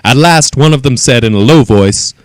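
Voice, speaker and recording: A man reading a children's story aloud in an expressive, animated way. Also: mid-range voice, normal speed, no room sound.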